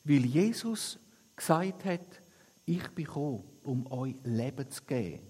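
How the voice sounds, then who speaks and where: A man's voice: medium pitch, lively intonation, a little slow, a little mellow, breathy edge. A man preaching earnestly to his congregation, repeating phrases for emphasis and reading a passage aloud. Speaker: pastor. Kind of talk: sermon with Bible reading and prayer. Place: church. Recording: long reverb of a church hall.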